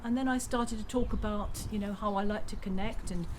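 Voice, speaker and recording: A woman's voice: mid-range voice, fairly even intonation, brisk. A woman chatting keenly as an interview guest, a town crier who often repeats herself in eager agreement. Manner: keen, agreeable, often echoing and repeating her affirmations. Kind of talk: casual interview chat. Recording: clear background noise.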